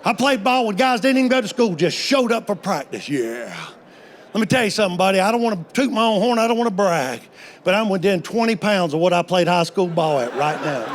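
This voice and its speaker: A man's voice: high voice, animated, a little fast. A man, telling folksy stand-up stories with playful punchlines. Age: 50s. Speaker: stand-up comedian. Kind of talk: stand-up comedy storytelling.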